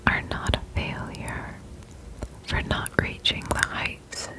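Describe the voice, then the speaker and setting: A woman giving an ASMR pep talk in whispers, soothingly repeating gentle affirmations. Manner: soothing, slow, repeats phrases. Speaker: ASMR host.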